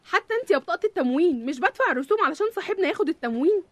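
A woman voicing a lively, self-important monthly salary. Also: very high-pitched, racing, no room sound. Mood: defensive. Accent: Egyptian. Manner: lively, complaining, defensive.

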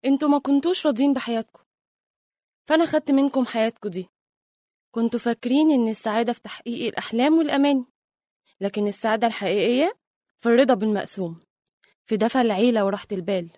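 A woman's voice: on the high side, very fast, pauses often, darkish tone, dry recording, studio quality, natural voice. A woman playing Donya, a solemn moralizing spirit of life. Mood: lecturing. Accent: Egyptian Arabic. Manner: solemn, lecturing. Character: mysterious woman embodying worldly life, stern moralizing.

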